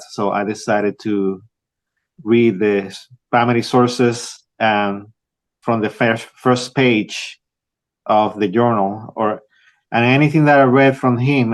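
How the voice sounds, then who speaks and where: A younger man from Rico, answering interview questions as an author, halting with many restarts. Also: on the low side. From Puerto Rico. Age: young adult. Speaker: author guest.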